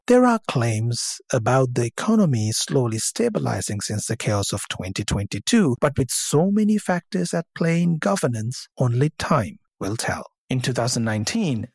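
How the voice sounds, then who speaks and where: A man from Sri Lanka hosting a podcast, narrating a scripted episode in a measured, reflective way. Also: mid-range voice, husky, no room sound, studio quality. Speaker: podcast host.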